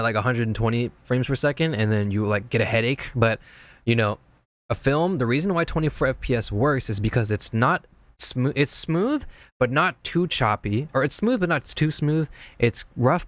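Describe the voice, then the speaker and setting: A man with a medium-pitched voice streams a casual video editing lesson, going over viewers' edits. He rambles and repeats himself while explaining each step. There is no room sound.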